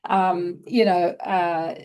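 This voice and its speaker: Low-voiced reflective woman from Malaysia. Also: little pitch movement, very slow, a little mellow. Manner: reflective, meandering, with frequent fillers. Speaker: guest writer. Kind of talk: conversational craft discussion.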